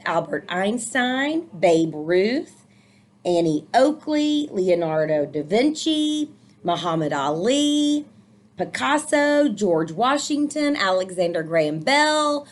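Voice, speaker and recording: A woman with a medium-pitched voice reads a picture book aloud to children, very animated but slow. She reads expressively and adds encouraging, explanatory comments along the way.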